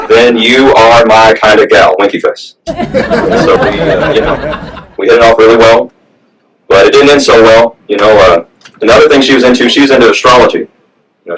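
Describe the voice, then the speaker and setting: A man from the American South doing a stand-up set, telling stories in a deadpan way. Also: lowish voice. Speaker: stand-up comic. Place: comedy club stage with audience. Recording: distant mic, loud crowd.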